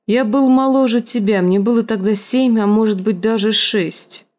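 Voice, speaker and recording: A woman reading an audiobook, voicing a scarred, bitter, hulking male warrior with a rasping, gruff, slow and menacing delivery. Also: on the high side, fairly even intonation, darkish tone, close to an everyday voice. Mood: grim.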